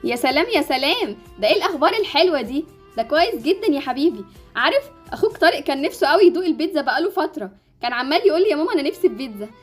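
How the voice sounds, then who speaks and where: A woman's voice: high-pitched, very animated, rapid-fire, soft background music. A woman with an Egyptian accent playing a loving, humble mother in an amateur game animation. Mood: loving, delighted. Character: loving, grateful, poor mother.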